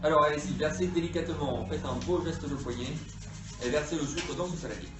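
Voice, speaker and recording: A man's voice: a little high, fast, music in the background. A man co-hosting a homemade cooking video in a playful, mock-formal presenter style. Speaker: co-host of an amateur cooking video. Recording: echoey room, distant microphone.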